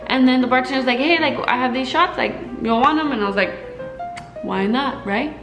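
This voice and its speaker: A woman's voice: high-pitched, fairly quick, roomy sound, music in the background, low-quality recording. A young adult woman telling casual stories to camera in a chatty way, acting out the quotes with lots of fillers. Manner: chatty, animated quoting with frequent fillers. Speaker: vlogger. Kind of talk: casual storytelling.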